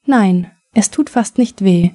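A woman reading the lines of an adult male patient with an injured arm in a plain, even voice. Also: high-pitched, slow pace, no room sound, studio quality, soft background music.

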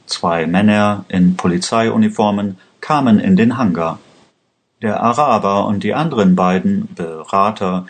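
A man narrating a language-learning story in a slow, careful, even reading. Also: fairly low pitch, breathy edge.

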